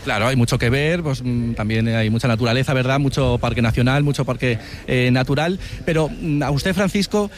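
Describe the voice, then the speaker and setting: Fast-talking male field reporter outdoors. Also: mid-range voice. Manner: chatty, fast interviewing. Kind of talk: live on-location radio report. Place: outdoor square by a cathedral.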